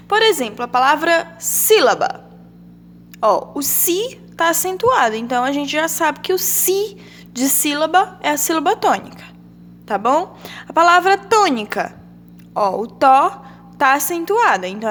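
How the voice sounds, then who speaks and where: A young adult woman teacher with a Brazilian Portuguese accent, giving a children's grammar lesson with drawn-out syllables and sing-song questions. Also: high voice, a bit bright, slight background noise.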